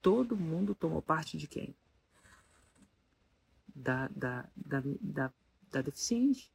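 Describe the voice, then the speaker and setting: A husky mid-range voice with vocal fry tells a story slowly and casually yet animatedly to an audience. Along the way, the speaker asks listeners rhetorical questions.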